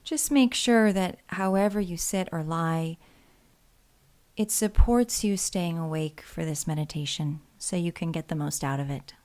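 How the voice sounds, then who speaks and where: The voice is a woman's, fairly low in pitch, guiding a body scan meditation gently and without hurry, with pauses separating her phrases.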